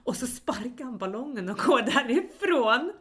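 A woman in her thirties, pregnant, co-hosting a podcast, telling a story in a casual, animated way and quoting other people's lines as she goes. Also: on the high side. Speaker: podcast co-host.

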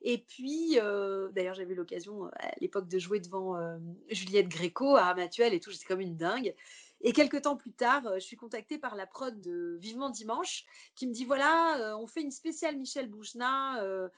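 Woman comic telling a story, chatty and lively, lots of ums, mid pitch. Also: fairly quick. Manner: lively, chatty, frequent hesitation fillers. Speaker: comedian. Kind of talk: casual anecdote storytelling.

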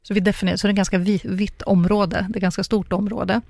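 A middle-aged woman talks through her ideas as a coach, acting out little example exchanges as she goes. Her voice has a gravelly edge at a medium pitch. The sound is close and dry. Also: little pitch movement, darkish tone, no echo. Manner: chatty, explains with acted-out example dialogues. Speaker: coach and communicologist guest. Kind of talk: casual podcast conversation.

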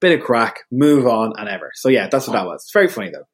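An Irish man chatting candidly as a podcast guest, open and quick with asides. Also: medium pitch, sing-song, slightly rough. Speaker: guest, radio presenter. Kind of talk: casual podcast chat.

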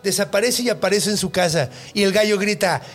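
This podcast host is a young man with a Mexican Spanish accent and a high, fairly quick voice. He retells a tale in crude, slangy casual chat, animatedly acting out the characters' lines.

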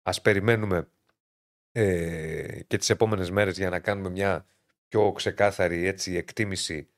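A man's voice: low voice, steady tone. A man from Greece hosting a casual sports talk show, chatty and jokey with loose asides. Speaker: podcast host.

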